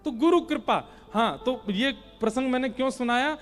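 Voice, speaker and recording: High-voiced man telling a devotional story. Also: faint music behind. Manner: acts out the story's characters in raised, childlike voices; breaks into slow sung lines. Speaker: Bhagavat katha preacher.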